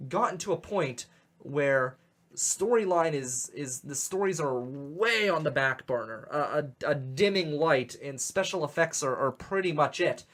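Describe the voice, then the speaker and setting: In a radio studio on a studio microphone, a young man with a Western Pennsylvania accent hosts a casual talk show, animated and opinionated and often repeating words as he gets going. His voice is fairly high-pitched and his pace unhurried.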